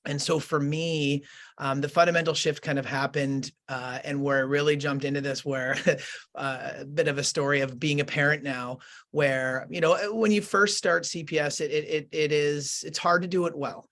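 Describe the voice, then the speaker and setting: A man, a school principal telling a story in conversation, earnest and halting, with many fillers and restarts. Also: on the high side, fairly even intonation, fairly bright tone.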